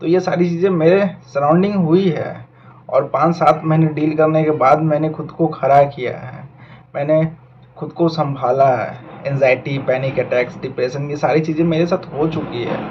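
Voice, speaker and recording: A man's voice: fairly high pitch, fairly even intonation, moderate pace, dull audio, a little hiss or hum. A young man in his twenties from India, talking earnestly and reflectively to camera and mixing in English words. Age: 20s. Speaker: vlogger and aspiring doctor. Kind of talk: casual talk to camera.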